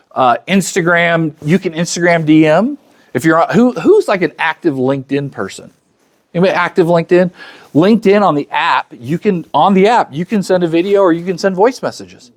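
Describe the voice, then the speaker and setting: Man, 50s, slightly high voice, chatty motivational speaker addressing a live audience. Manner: conversational, acts out quoted dialogue; chatty, speaks directly to the crowd. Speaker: luncheon speaker.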